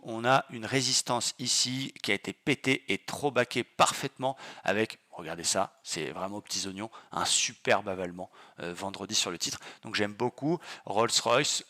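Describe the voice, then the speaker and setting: A man's voice: fairly low pitch, bright, forceful tone. A man hosting his trading channel, talking through stock charts casually and eagerly, with many fillers. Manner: enthusiastic, exclamatory, many fillers.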